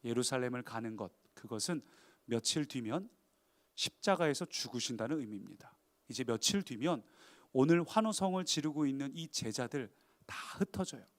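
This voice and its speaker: A man preaching a sermon as pastor, emphatic and dramatic, moving between loud appeals and quiet asides. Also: mid-range voice, animated, normal speed.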